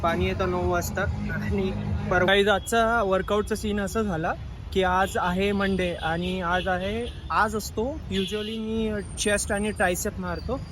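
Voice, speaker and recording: Chatty young man vlogging, high voice. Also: noisy background. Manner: relaxed chatty, mixes English words into Marathi. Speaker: vlogger, aspiring actor. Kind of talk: casual daily vlog chat. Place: Mumbai, indoors and out on the street. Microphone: phone held while vlogging.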